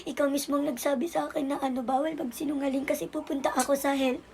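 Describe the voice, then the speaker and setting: A woman's voice: high voice, fairly even intonation, fast, vocal fry, a little mellow, a little hiss or hum. A woman playing a young eldest brother who protests whiny and defensive.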